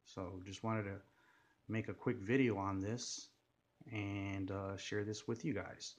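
A man's voice: lowish voice, fairly even intonation, slow pace. A man talking casually to camera in a car vlog, gushing and rambling with many fillers and restarts. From United States. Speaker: car vlogger. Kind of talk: casual unscripted monologue.

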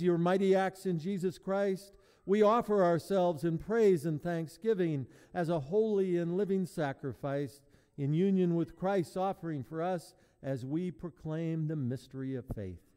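A man serving as pastor, leading a sermon and communion in a measured, prayerful cadence, his voice ringing with a long echo in a large church. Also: high voice, mellow. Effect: long echoing church reverb. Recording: long reverb in a large hall.

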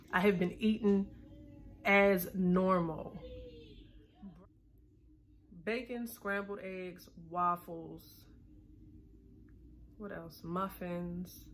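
A woman's voice: medium pitch, fairly even intonation, very slow, long pauses, slight background noise. A woman talking with braces, chatting casually to her viewers. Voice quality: slight lisp. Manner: chatty, addresses viewers as y'all. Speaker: vlogger. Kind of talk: casual chat to camera.

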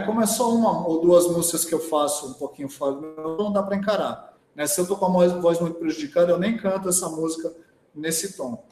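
A man's voice: fairly high pitch, a little mellow, reverberant, slight background noise. A man with a Brazilian Portuguese accent who teaches singing, giving a chatty live talk full of "né?" tags. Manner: chatty, often tags sentences with "né?". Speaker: voice teacher and singer.

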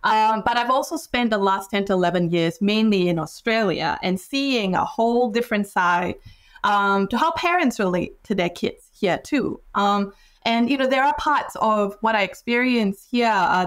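A woman in her thirties from Singapore answers interview questions over a video call, speaking through a headset in a home office. She talks thoughtfully, pausing with fillers and restarting her sentences as she works through ideas. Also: mid-range voice. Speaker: guest psychologist.

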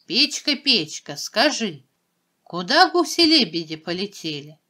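A woman's voice: mid-range voice, big pitch swings, a little slow, bright, forceful tone, full character voice. A woman voicing an anxious little girl in a fairy tale, calling out in a pleading sing-song.

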